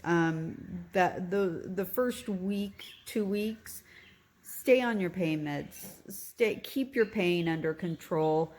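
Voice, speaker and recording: In a personal vlog, a lowish-voiced woman speaks candidly about her surgery recovery, stopping frequently and giving sincere advice.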